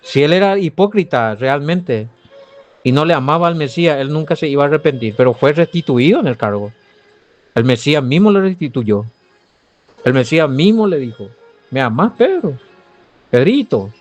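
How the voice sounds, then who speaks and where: A Paraguayan-accented male pastor with a somewhat high voice walks through a Bible passage. He answers listener comments and fires rhetorical questions right at them. His delivery is lively and conversational. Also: moderate pace, soft background music. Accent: Paraguayan Spanish. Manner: animated, rhetorical questions, addresses listeners directly.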